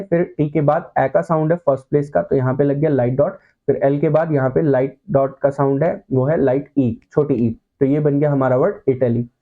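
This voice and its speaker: A man's voice: a little high, narrow, tinny audio. A man teaching an online class, patiently walking through words and often checking that his students are following. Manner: casual and reassuring, mixes in English words. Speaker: shorthand teacher.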